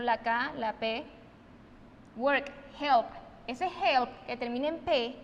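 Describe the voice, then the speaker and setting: A Venezuelan woman teaching English pronunciation, switching between Spanish and English and repeating each example word slowly and with emphasis. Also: high-pitched, fairly bright tone, in a large hall, slight background noise. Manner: slow, emphatic repetition of example words. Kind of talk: recorded online English lesson.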